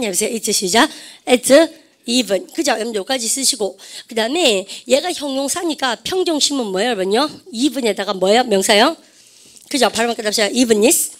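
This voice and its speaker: A woman English teacher lecturing exam students on vocabulary, often asking the class questions and having them repeat the pronunciation. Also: on the high side. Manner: calls herself ssaem, keeps asking the class questions and drilling pronunciation.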